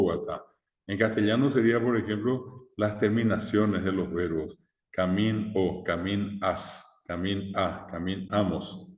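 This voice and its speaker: Deep-voiced man teaching class. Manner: explains step by step with frequent "eh" and rhetorical questions. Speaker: language teacher. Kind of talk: recorded online class lecture. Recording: echoey room with long reverb.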